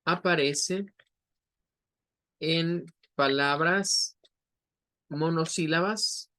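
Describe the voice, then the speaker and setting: Man, English teacher, slow deliberate explaining, repeats words. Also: fairly high pitch, bright, forceful tone. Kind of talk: online pronunciation lesson.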